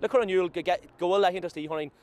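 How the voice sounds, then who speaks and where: Quick, higher-voiced Irish man. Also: a little mellow. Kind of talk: news interview at an event. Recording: faint background noise.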